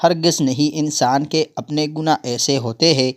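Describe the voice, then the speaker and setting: A man telling a religious story in a steady, earnest narrating voice. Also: fairly high pitch.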